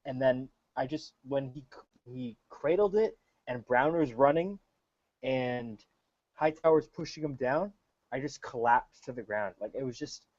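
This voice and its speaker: A man's voice: mid-range voice, measured pace, a little mellow, dry recording. A man hosting a casual sports chat, enthusiastic and swearing freely. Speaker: podcast host. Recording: dull lo-fi audio.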